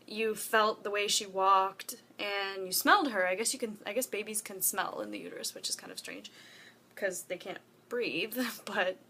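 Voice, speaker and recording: Bright-voiced chatty young woman vlogger. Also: medium pitch, lively intonation, moderate pace, a little hiss or hum. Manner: chatty, rambling with many fillers and asides. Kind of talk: casual talk to camera. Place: room at home with a window open. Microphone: phone propped up.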